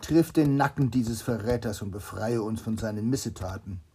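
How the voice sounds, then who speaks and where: A man reading a fairy tale aloud to a child, voicing a suspicious, hot-tempered old king with a gravelly, husky voice. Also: lowish voice, normal speed, background noise, close to an everyday voice. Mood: angry.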